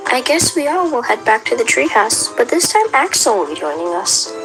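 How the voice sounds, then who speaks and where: Woman doing a friendly gentle cartoon creature girl, curious and earnest, bit high, music under it. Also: sing-song, a little fast, low-quality recording. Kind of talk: fan cartoon dialogue.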